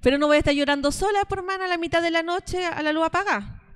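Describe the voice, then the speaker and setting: A woman's voice: very high-pitched, quick pace, a bit bright. A Chilean woman in her thirties giving a testimonial sermon, telling stories and speaking straight to her listeners as sisters. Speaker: preacher addressing a women's church group.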